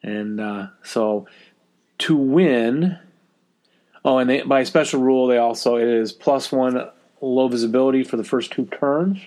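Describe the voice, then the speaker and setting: A man's voice: measured pace, darkish tone. Man with a cold, recording in a basement. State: has a cold. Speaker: podcast host. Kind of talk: casual hobby podcast talk. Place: basement of his house. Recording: echoey basement, lower-quality home mic.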